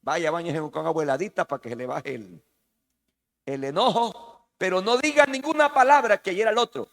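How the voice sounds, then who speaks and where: A man's voice: high voice, normal speed, gravelly, a bit bright. A Salvadoran man preaching a sermon as pastor, emphatic and repetitive, often calling out to the congregation as "hermano". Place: church hall. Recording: reverberant church hall.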